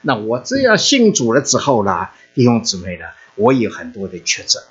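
An older man from China, telling his personal faith story to a church congregation in an animated storytelling way. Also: normal speed, slightly rough. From China, Shanghai and Zhoushan. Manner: animated storytelling, lively swings in pitch and loudness. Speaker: church member giving testimony. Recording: muffled lo-fi recording.

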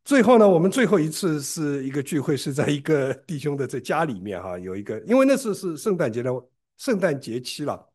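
A man from preaching a sermon, telling a story in an animated way and often repeating and restarting words. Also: fairly quick. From Shanghai, China. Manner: animated storytelling with big pitch swings and frequent repeated restarts.

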